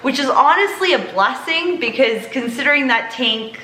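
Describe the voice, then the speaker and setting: A young New Zealand woman who runs a reef aquarium channel giggles and chats through a casual Q&A about her tank at home, using lots of fillers. Her high, animated voice moves at normal speed with a bright, forceful tone, in a reverberant space with slight background noise.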